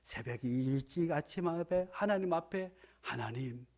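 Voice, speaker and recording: A male pastor preaching a Sunday sermon in a church sanctuary, animated and building to emphatic exclamations. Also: a little high, moderate pace.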